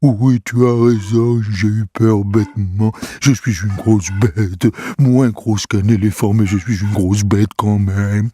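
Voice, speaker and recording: A man's voice: on the low side, fairly even intonation, slow, few pauses, dark tone, husky, no echo. A man voicing a big, clumsy male donkey who is touchy and loves bursting into silly songs. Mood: meek. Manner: sing-song, bursts into silly songs and chuckles. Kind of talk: storybook acting over music. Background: music.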